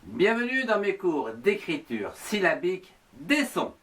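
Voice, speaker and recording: A man's voice: high voice, big pitch swings, unhurried, fairly bright tone. A man teaching cursive writing, spelling out words letter by letter and syllable by syllable in a patient lesson. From France.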